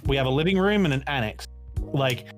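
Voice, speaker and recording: A man in his late twenties with an Australian accent, chatting casually on a podcast and explaining things at length in an animated way. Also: mid-range voice, brisk, faint music behind. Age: 20s. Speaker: podcast co-host.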